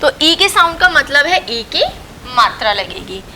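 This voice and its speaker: Slow, bright-voiced woman teacher. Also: high voice, big pitch swings, a little hiss or hum, poor audio. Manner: slow, patient, repeats and asks questions then answers them. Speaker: school teacher. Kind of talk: recorded online lesson for young children.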